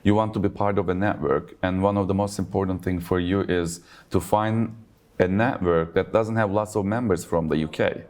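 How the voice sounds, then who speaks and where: At a conference event, a Turkish-born logistics business owner with a deep voice is interviewed in a casual back-and-forth. He speaks at a normal pace, easygoing and full of fillers such as "like" and "basically."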